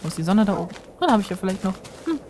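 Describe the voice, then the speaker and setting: A woman in casual let's-play commentary, chatty and self-mocking as she talks to her viewers. Her voice sits at an ordinary middle pitch, with a light hiss behind it. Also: very animated, rapid-fire, dark tone. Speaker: let's player.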